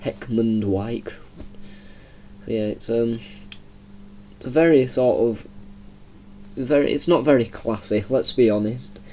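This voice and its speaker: A man's voice: medium pitch, measured pace, pauses often, slight background noise. Chatty young man with a Yorkshire accent. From Yorkshire, England. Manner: chatty and rambling, laughing softly now and then. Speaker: gaming channel host. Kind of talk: casual gameplay commentary.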